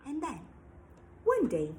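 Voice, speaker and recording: Slow, sing-song woman storyteller. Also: fairly high pitch, slight background noise, rough recording. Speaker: storyteller for young learners. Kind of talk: children's storytelling.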